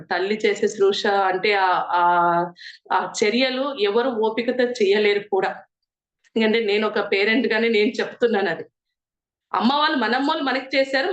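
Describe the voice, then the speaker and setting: A middle-aged woman speaks in a slightly high voice, earnest and a little preachy. She shares homely moral stories in a conversational way. The recording is roomy and muffled. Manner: earnest and moralizing, retells a story with quoted dialogue. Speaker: meditation group member sharing experiences. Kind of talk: conversational storytelling. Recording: roomy, dull lo-fi sound.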